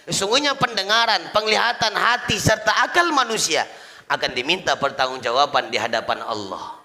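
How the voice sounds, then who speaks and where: A man's voice: high voice, moderate pace, bright, forceful tone, a little hiss or hum. A male preacher giving a humorous sermon, joking and chatting with the congregation. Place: mosque. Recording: long hall reverb.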